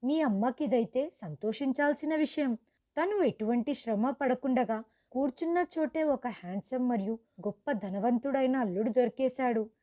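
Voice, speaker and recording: A woman voicing a smug, dismissive rich young man in a read-aloud story, speaking in her own mellow, fairly high voice. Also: moderate pace, natural voice. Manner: teasing, dismissive.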